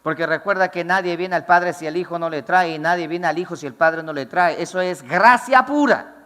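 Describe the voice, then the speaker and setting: High, bright-voiced male pastor preaching. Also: flat delivery, brisk, clear, resonant tone, in a large hall. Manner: fervent, emphatic preaching. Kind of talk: sermon. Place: church with congregation.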